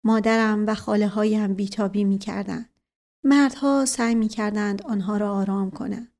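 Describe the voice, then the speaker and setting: A woman reading a novel aloud as narrator in a measured storytelling manner. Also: medium pitch, steady tone, darkish tone. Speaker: audiobook narrator. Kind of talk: scripted literary narration.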